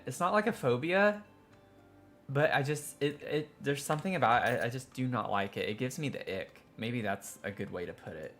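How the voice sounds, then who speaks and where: A man's voice: mid-range voice, a bit bright. A man from Tennessee with a Southern accent, chatting casually on a live stream in a rambling, self-interrupting way. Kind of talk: casual live-stream chat while building in a game.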